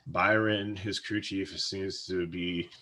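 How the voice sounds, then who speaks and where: A deep-voiced man chats casually on a fantasy sports podcast. He hesitates often, repeating words and trailing off as he weighs his picks. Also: steady tone, slow pace, sharp tone, slight background noise. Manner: hesitant, many restarts and fillers. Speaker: co-host, fantasy sports analyst.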